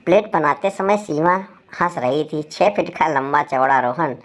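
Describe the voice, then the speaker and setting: A woman telling a story aloud with a steady, expressive read. Her voice sits low for a woman. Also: normal speed. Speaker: story narrator. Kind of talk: storytelling narration.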